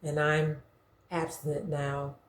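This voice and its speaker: A middle-aged woman frankly telling her own story, in slangy, animated speech that acts out what others said. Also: sits low, slow pace, slight background noise. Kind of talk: confessional storytelling. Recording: roomy echo.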